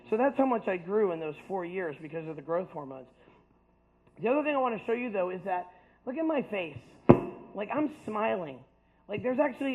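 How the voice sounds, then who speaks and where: A man in his fifties from the United States gives an earnest, chatty personal testimony to an audience, peppering his story with "like" and checking in with "right?". His voice sits high and narrow, and the audio is tinny.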